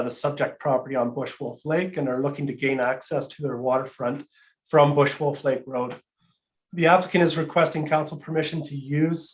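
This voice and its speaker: A man's voice: on the high side, rough recording. A male municipal staff member presenting a report to council in a formal, procedural way.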